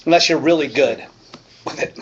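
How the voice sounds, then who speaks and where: A man talking on a casual live-stream chat, halting and restarting his sentences. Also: on the high side. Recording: dull lo-fi stream audio.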